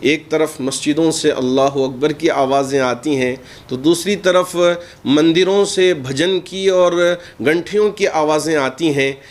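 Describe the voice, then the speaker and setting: A man from India, speaking as a cleric, delivers an earnest, formal statement laced with Urdu, as if to the news media. His voice is a little high and a little slow, with hardly any pauses.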